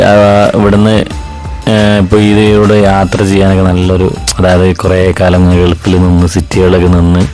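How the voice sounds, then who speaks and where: A man's voice: on the low side, darkish tone. A man with a Kerala Malayali accent gives casual, enthusiastic travel vlog commentary, mixing English words into his speech. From Wayanad, Kerala, India. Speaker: travel vlogger. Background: background music.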